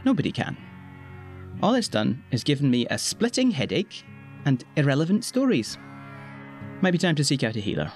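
A woman's voice: low voice, big pitch swings, normal speed, pauses often, a little mellow, soft background music. A woman voicing a stubborn, grumbling young shepherd prophet with a Scottish accent in an audio drama. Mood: grumbling, easygoing. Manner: grumbling, defiant, plain-spoken.

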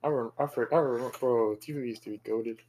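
A man's voice: mid-range voice, fast, a little mellow, a little hiss or hum. A young man in casual banter with friends, slangy and sweary, constantly saying "bro". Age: young adult. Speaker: podcast co-host. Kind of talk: casual banter, football player draft.

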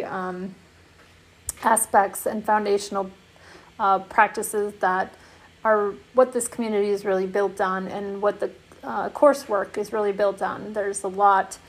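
A woman who founded an online community, talking casually and softly about it, with frequent fillers and restarts. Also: mid-range voice. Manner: soft, meandering, many fillers and restarts. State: has the hiccups. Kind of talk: casual spoken promo talk.

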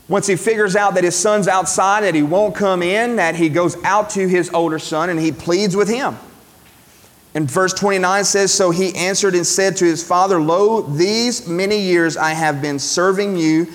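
A man's voice: sits high, fairly even intonation, moderate pace, long reverb tail. A man preaching a Sunday sermon to a congregation gathered in a cafeteria, speaking earnestly and conversationally, with occasional fillers. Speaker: pastor. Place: cafeteria used for church.

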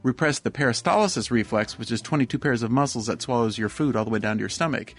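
Mid-pitched man explaining step by step. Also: fast talker, faint music behind. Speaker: professional sword swallower, interviewee. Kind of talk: step-by-step explanation in interview clip.

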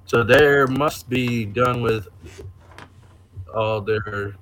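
A man's voice: medium pitch, drawn-out words, a bit bright, slight background noise. A man co-hosting a casual sports chat, mostly giving short agreeing replies and sometimes sounding off-mic.

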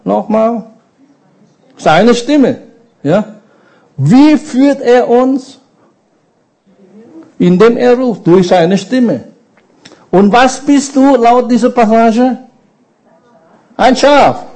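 A man preaching a sermon, slow and emphatic, often asking the congregation questions. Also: very high-pitched, mellow, rough recording.

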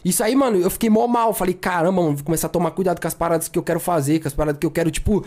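Young male co-host, quick and slangy, a casual storyteller. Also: high-pitched. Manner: slangy, animated, repeats filler words. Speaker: podcast co-host.

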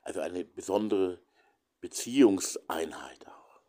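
Deep, mellow man musing hesitantly. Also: lively intonation. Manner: halting and thoughtful, many fillers, drops to a whisper at times. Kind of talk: reflective spiritual talk.

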